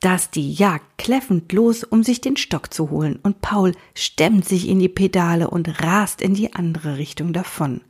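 Female audiobook reader, husky tone, calm even delivery. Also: on the low side, measured pace, few pauses. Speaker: narrator. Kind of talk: audiobook story reading.

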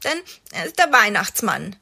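A woman's voice: big pitch swings, moderate pace, gravelly, pushed and bright, slightly rough, heavily acted. A woman voicing a small, tearful boy who is lost at a train station. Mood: earnest. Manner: high, sniffling, pleading.

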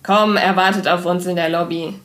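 A woman's voice: on the low side, fairly even intonation, fairly bright tone, lightly acted. A woman voicing a cold, stern female scientist who hisses her words sharply, in a storybook reading. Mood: scolding. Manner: hissing, clipped, slow.

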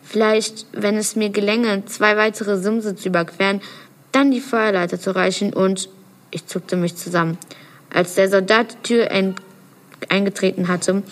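A woman reading a first-person novel passage aloud, earnest and now and then stumbling and correcting herself. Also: mid-range voice. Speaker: reader of a novel excerpt.

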